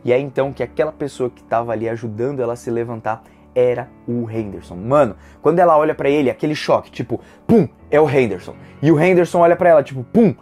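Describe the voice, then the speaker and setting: Brazilian male host, casual review, swings into excited bursts, faint music underneath, mid-pitched voice. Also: quick pace. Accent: Brazilian Portuguese. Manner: animated, emotional retelling with slangy fillers. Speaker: manga reviewer, channel host.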